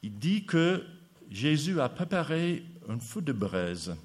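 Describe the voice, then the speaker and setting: A man with an American accent preaching a sermon, speaking haltingly with pauses and fillers. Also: a little high, sing-song.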